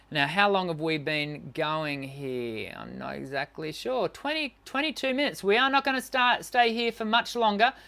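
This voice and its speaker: With a high, bright, forceful tenor, a middle-aged singing instructor responds to viewer questions during a live stream. He is encouraging but full of fillers and restarted sentences.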